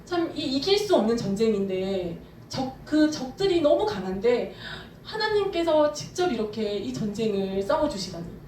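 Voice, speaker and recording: A woman pastor preaching a sermon with fervent emphasis, speeding up and slowing down as she drives her points home. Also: on the high side, very animated, darkish tone, a little hiss or hum. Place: church sanctuary. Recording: echoey church hall, from far off.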